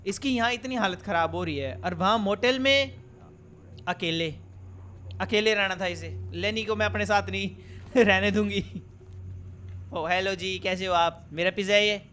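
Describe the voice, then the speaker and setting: Rapid, teasing man commentating gameplay. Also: high voice, bright, forceful tone, a little hiss or hum. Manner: rapid, teasing, laughs often.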